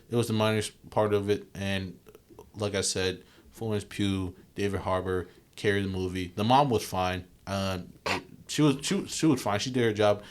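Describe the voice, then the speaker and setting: Young male podcast co-host, very low voice, loose rambling delivery full of "like" and "um". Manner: rambling, filler-heavy, lots of restarts. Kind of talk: casual chat.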